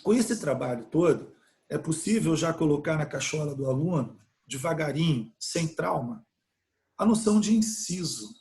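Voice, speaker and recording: A middle-aged man from Brazil gives a music lesson in a fairly high voice. He explains patiently and casually, often checking in with his listeners and restarting his sentences as he thinks. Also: animated, normal speed, darkish tone. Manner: explanatory, many fillers like "né?", restarts. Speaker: music teacher. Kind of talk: online mini-course lecture.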